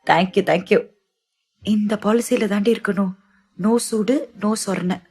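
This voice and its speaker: A woman voicing a lovesick young wife in an audiobook, speaking softly with a whiny, sulky edge. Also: medium pitch, steady tone, measured pace, husky. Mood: casual. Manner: soft, whiny when missing her husband. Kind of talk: audiobook character dialogue.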